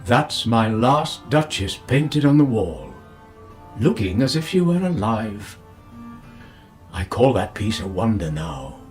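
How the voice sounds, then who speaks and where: A jealous, controlling duke broods over a painting, as a man reads him aloud. The voice swings widely up and down and drags each phrase out slowly. Soft music plays underneath the reading. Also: fairly low pitch, very animated. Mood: brooding. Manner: slow, measured, brooding delivery. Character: possessive, controlling aristocratic male duke. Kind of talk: dramatic poetry reading. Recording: clip with faint music behind.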